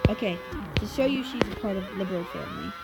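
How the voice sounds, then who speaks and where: A woman's voice: mid-range voice, heavy background noise. A woman YouTuber giving playful, chatty let's-play commentary and talking back to the game.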